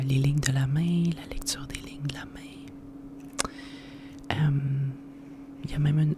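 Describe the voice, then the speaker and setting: An ASMR host with a Quebec French accent presents a book in a hushed, unvoiced library whisper, explaining things informally and without hurry. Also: mid-range voice, noisy background.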